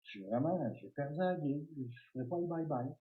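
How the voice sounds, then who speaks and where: A middle-aged man with a Québécois French accent, a guest telling stories in an interview, animated and stumbling over restarts. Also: fairly high pitch, fairly quick, narrow, tinny audio. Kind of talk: storytelling interview.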